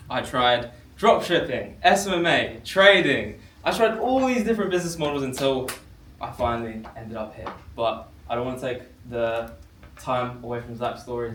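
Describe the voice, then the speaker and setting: A man's voice: mid-range voice, fairly bright tone. A young man telling his own story to an audience, reflective, with fillers and restarts. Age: young adult. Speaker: co-founder speaking to an audience. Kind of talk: personal storytelling talk on stage. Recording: roomy room, mic far off, faint noise.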